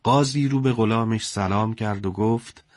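Male storyteller, low voice, dry close sound, colloquial and steady. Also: dry recording. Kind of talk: conversational story narration.

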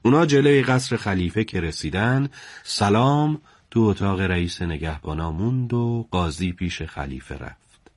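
Male storyteller, low voice, dry close sound, colloquial and steady. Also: no echo. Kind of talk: conversational story narration.

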